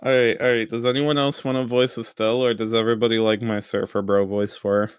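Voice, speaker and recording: A man's voice: medium pitch, level tone, fairly quick, clear, resonant tone, no room sound, clean studio sound. A man in casual stream banter, upbeat and defending his choices.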